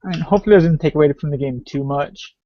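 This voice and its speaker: A slightly higher-voiced man chats casually on a podcast and slips in dry, wry remarks. The sound is close and dry, with no room echo. The audio is muffled and lo-fi. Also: racing. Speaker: podcast co-host. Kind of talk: casual chat.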